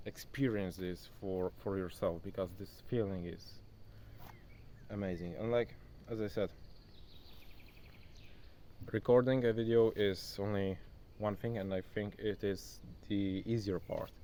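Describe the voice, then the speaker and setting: A young man, not a native English speaker, vlogs casually into his phone at a rural spot near a forest, calling the viewer "bro." His voice sits low and mellow, with a little hiss or hum on the recording. Faint insects and nature sounds drift behind his chatty, loose self-recorded talk.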